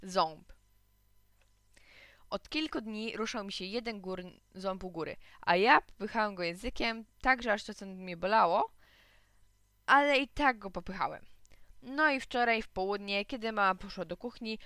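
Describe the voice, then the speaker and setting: A woman reads a children's story aloud, telling it in first person as a little boy. Her voice is bright and crisp, with lively storybook expression. The sound is dry and close. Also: medium pitch, moderate pace, dry recording.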